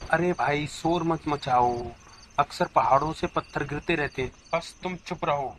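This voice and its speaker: A man's voice: on the high side, moderate pace, a bit bright, slight background noise, natural voice. A man voicing a level-headed villager who brushes off his friend's fears and scolds him, in a cartoon story. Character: calm, scolding adult male villager.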